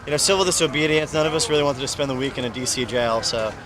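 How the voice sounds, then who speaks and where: A man's voice: medium pitch, fast talker. A young man, a student protester, chatting casually in a street interview. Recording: outdoor street with crowd.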